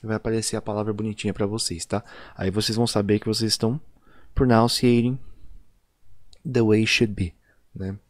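A man with a Brazilian Portuguese accent teaching an online lesson in a chatty way, often ending lines with little tag questions and stretching example words out slowly. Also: lowish voice, fairly even intonation, dry recording, studio quality. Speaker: English teacher. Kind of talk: casual online video lesson.

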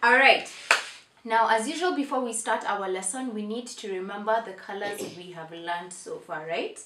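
A young woman hosting a children's lesson in an animated, upbeat way, prompting young children with questions. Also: medium pitch, normal speed. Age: young adult. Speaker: host of a children's lesson, teacher. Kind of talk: children's educational lesson, presenting to camera. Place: small indoor playroom. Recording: roomy echo, mic at a distance.

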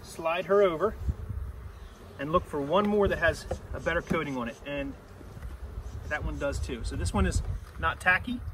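A middle-aged beekeeper walks through a hive inspection outdoors on a grassy yard, explaining each step plainly in a hands-on demonstration. He speaks at a normal pace with frequent pauses, his voice a little high for a man, and a faint outdoor hum sits under the distant camera audio.

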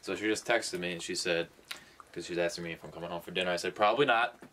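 A young man with a fairly low voice tells a relaxed story among friends. He talks in a laid-back, easy way. Steady noise from the room runs behind him. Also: rapid-fire. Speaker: show regular. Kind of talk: casual chat.

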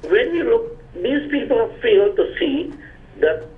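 A man's voice: extremely high pitch, sing-song, measured pace. An older man, calling in to a radio show over a clipped phone line and making his point in an emphatic, lecturing way. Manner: emphatic and lecturing, with rising stresses. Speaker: caller. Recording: thin tinny phone line.

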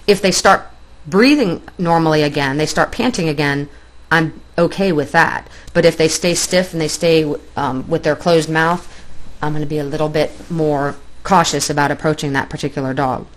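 A woman's voice: sits low, moderate pace. A woman instructor explaining dog body language in a plainspoken online lecture, pointing out pictures on slides.

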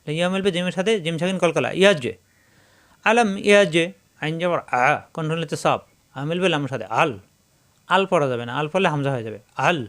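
Male recitation teacher, slightly raised pitch, clean ringing tone, methodical syllable-by-syllable drilling. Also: expressive, fairly bright tone. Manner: spells syllables slowly, then chants the verse drawn out. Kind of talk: spelling-out recitation lesson.

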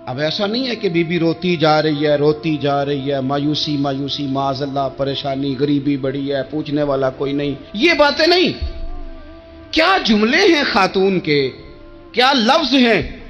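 A man's voice: a little high, lively intonation, a bit bright. A male preacher delivering an impassioned sermon, repeating phrases for emphasis and reciting verse. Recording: dull recording with faint music.

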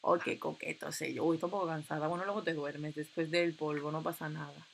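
A young woman, chatting excitedly and reading game options aloud as she plays. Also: sits low, brisk, vocal fry, slight background noise. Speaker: gameplay commentator. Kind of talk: casual let's-play commentary.

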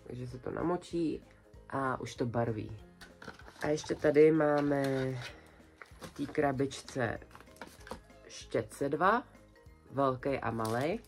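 This is a young adult woman with a notably low voice, vlogging from a small decorated bedroom. She chats in a relaxed, colloquial way and presents each new purchase to a camera set close on her desk. Faint music plays softly behind her. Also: pauses often. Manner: chatty, colloquial, shows items one by one. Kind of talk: casual haul video chat.

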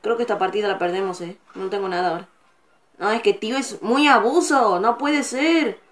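A woman hosting a gaming channel, giving live gameplay commentary with excitable, frustrated outbursts and cursing at the game. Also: mid-range voice, a little fast.

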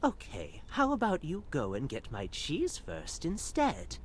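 A woman's voice: low-pitched, huge pitch swings, measured pace, slight background noise, exaggerated voice. A woman voicing a genteel, fussy old rat who walks with a cane, speaking in a polite, old-fashioned way.

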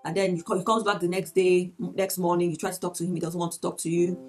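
A woman's voice: fairly low pitch, little pitch movement, fast, faint music behind. A woman teaching about resolving conflicts in relationships, often repeating words and acting out quoted dialogue. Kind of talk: teaching talk with acted examples.

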